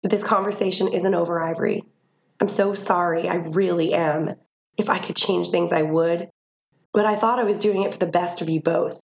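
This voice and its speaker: A woman playing a middle-aged mother weighed down by guilt over a kept secret. Her voice is lowish and gravelly. The recording sounds dull and lo-fi. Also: fairly even intonation, normal speed. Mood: pleading. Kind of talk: audio drama acting.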